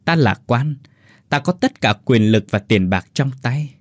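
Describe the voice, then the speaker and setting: A man's voice: mid-range voice, expressive, unhurried, no echo, studio quality. A man voicing a lecherous, cowardly middle-aged official who leers and stammers in a horror audiobook. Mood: leering. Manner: leering, then stammering.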